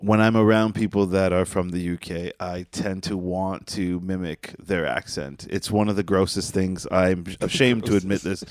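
Low-voiced playful male co-host, dry sound. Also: fairly even intonation, normal speed, hardly any pauses, a little mellow, smooth, dry recording. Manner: laughing, candid and playful. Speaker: podcast co-host. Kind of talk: casual podcast chat.

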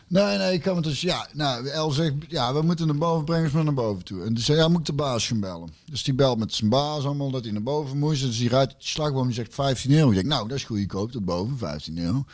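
A man's voice: mid-range voice, fast, few pauses. A man in casual chat, telling a long anecdote full of fillers, curses and his own laughter.

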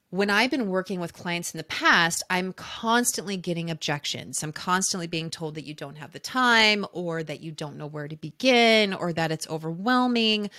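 A woman's voice: on the low side, bright, forceful tone. A woman hosting a love coaching podcast, speaking intimately to her listeners in a gushing way and leaning on key words. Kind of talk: podcast intro and promotion, addressing listeners intimately.

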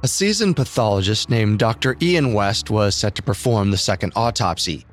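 Low-pitched man narrating true crime. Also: lively intonation, moderate pace, soft background music. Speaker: podcast co-host.

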